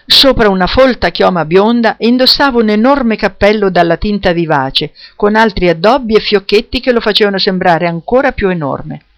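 An audiobook reader narrating a story in a steady, measured storytelling voice. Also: medium pitch, muffled recording. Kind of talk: scripted narration.

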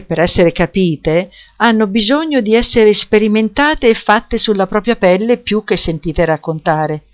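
A woman's voice: mid-range voice, close to an everyday voice. Brief: keen dance teacher man, voiced by a female reader, explaining, muffled audio. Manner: explanatory, persuasive.

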